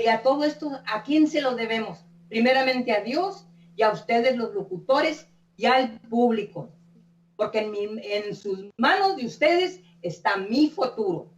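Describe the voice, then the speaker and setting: An older woman singer, telling stories in a chatty, folksy way full of "¿eh?" tags. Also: medium pitch. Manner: chatty, folksy, frequent "¿eh?" tags and repeated words. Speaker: singer being interviewed. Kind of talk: warm, rambling storytelling interview. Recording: echoey room, voice from a distance, faint hum.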